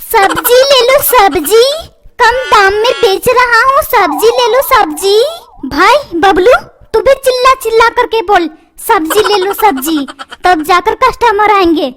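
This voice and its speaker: A woman's voice: extremely high pitch, a little slow. A woman doing a whiny spoiled cartoon boy. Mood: hawking. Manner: wheedling, bossy. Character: whiny scheming young boy, spoiled son. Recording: noisy background.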